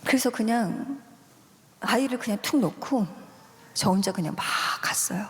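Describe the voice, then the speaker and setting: A woman's voice: on the high side, lively intonation, moderate pace. A woman giving an emotional faith testimony, earnest and often dropping to a whisper. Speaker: guest giving a personal testimony. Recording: long hall reverb.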